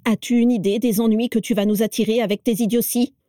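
A woman's voice: a little high, fairly even intonation, quick pace, mellow, no room sound, studio quality, lightly acted. A woman voicing a cold, stern old wizard who scolds with disdain, read in an audiobook. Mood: scolding. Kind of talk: audiobook character reading.

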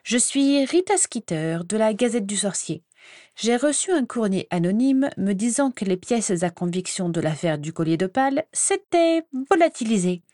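A woman's voice: medium pitch, sing-song, moderate pace, mellow, no room sound, natural voice. A woman voicing a brash, pushy young female gossip reporter with a thin, reedy voice. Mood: gushing.

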